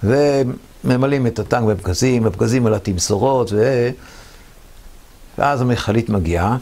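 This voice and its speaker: An Israeli veteran in his seventies recounts his war memories in an interview, his voice mid-range and darkish. He tells the story vividly, acting out what others said.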